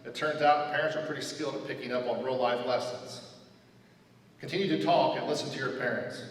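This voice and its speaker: A man's voice: medium pitch, recorded from a distance. Man giving advice in an echoey hall. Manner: earnest, list of short advice lines. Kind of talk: commencement address.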